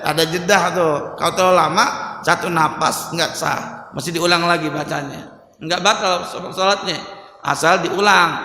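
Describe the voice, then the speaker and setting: A high, bright male preacher with a Betawi Indonesian accent lectures in a mosque hall, his voice ringing with long reverb. He switches between easygoing explanation and slow, drawn-out chanting of verses, dropping in light jokes. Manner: joking asides with soft laughs. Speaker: Islamic religious teacher. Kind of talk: mosque study-circle lecture.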